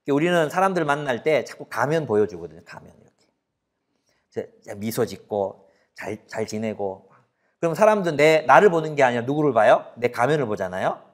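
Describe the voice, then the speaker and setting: A man's voice: medium pitch, fairly quick. A man in his forties preaching a sermon as a pastor, asking the audience questions and acting out everyday quarrels. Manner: animated, asks the audience questions, acts out quarrels.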